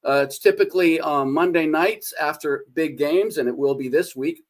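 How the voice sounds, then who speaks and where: A middle-aged man hosting a casual cooking vlog, talking in a relaxed, folksy way with many fillers, filming on a phone he holds. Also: on the high side, normal speed. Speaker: fan forum founder and video host. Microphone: phone held by the speaker.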